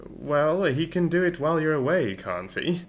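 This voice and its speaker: A man's voice: fairly high pitch, very animated, normal speed, slight background noise, pitched above the performer's own voice. Storybook figure, man doing an insistent distracted alien, clipped urgent lines, slightly raised voice.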